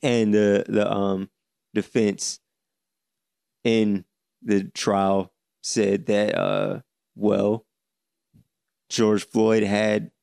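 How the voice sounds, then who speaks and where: Gravelly low-voiced young man podcasting. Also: level tone, darkish tone, dry recording, clean studio sound. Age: 20s. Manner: earnest, halting, many restarts. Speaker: podcast host. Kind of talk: solo podcast commentary.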